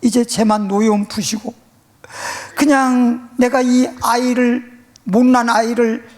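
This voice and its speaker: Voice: medium pitch, level tone, slow pace, a little mellow, voice pushed up. A preacher voicing a mother who begs her husband in tears to forgive their son. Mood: begging. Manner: tearful begging.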